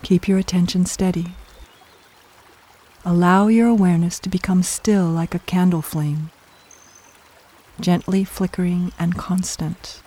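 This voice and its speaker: Soft, mellow meditation guide. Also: mid-range voice, fairly even intonation. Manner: soft, soothing, slow and measured, with long pauses. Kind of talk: guided meditation, scripted narration.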